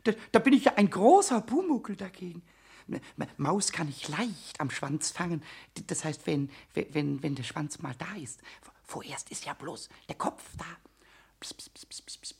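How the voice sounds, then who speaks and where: A woman voicing a mischievous little male kobold in a radio play, husky, giggly and stammering, swinging between whispers and squeals. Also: medium pitch, big pitch swings, normal speed, a little mellow, exaggerated voice. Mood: whispering, coaxing.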